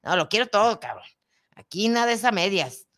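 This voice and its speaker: A woman's voice: medium pitch, very animated, a little fast, a bit bright, pitched above the performer's own voice. A woman voicing a scorned, defiant wife who speaks in an indignant, cutting way.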